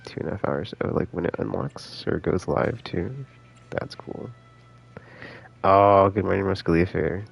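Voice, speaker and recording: A deep-voiced man with vocal fry talks at a measured pace, and a little hiss or hum runs under the audio. Indoors on a live game stream with music behind him, he rambles casually, thinking aloud in an easygoing, slangy manner.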